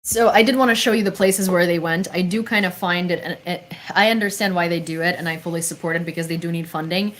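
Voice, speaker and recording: A woman's voice: on the low side, steady tone, fast, hardly any pauses, a bit bright. Rambling young woman on webcam. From Ukraine. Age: young adult. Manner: rambling, self-conscious, many fillers and restarts. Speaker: independent journalist. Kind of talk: casual news livestream commentary. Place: small bedroom at home. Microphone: webcam on desk.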